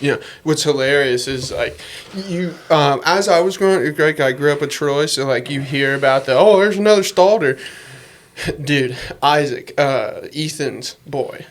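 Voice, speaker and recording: A man's voice: on the high side, measured pace. Upbeat young male host who says dude. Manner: laughs often, says dude and like. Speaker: podcast host. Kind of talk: casual interview chat.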